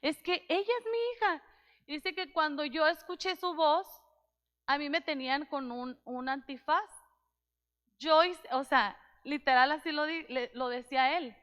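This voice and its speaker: A woman pastor in her thirties preaches in a heartfelt, storytelling way, often pausing and restarting her sentences. Her voice sits high. The sound carries the long reverb of a church hall. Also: a bit bright. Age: 30s. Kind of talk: sermon.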